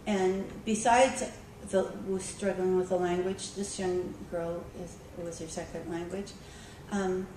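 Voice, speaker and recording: A school librarian tells a story at a conference, talking casually and filling it with ums and restarts. She has a lowish, dark voice with fairly even intonation, speaking a little slowly and pausing little. The hall echoes, and the far-off recording includes background noise.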